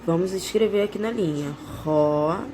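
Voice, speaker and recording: A Brazilian woman teaching preschoolers handwriting, reading words slowly and repeating each one for copying. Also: lowish voice, noisy background. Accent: Brazilian Portuguese. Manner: slow, drawn-out dictation, words repeated for copying. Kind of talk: slow handwriting lesson for children.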